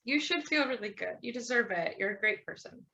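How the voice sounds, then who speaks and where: A woman's voice: fairly high pitch, expressive, a little fast, sharp tone, muffled recording, slight background noise. A young woman hosting a casual podcast interview, rambling a little and laughing often as she praises her guest. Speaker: podcast host.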